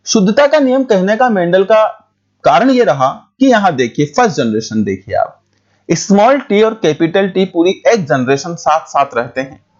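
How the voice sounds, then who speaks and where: Fast-talking male teacher, high voice. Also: a little mellow. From India. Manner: explains fast, repeats points and checks if students follow. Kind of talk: explaining a school biology lesson. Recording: dull lo-fi recording.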